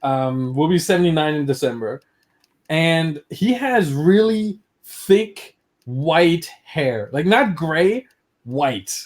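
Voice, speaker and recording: Slow, stammering young man. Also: a little high, animated. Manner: hesitant, stammering, laughs often. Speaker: co-host. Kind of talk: casual livestream chat.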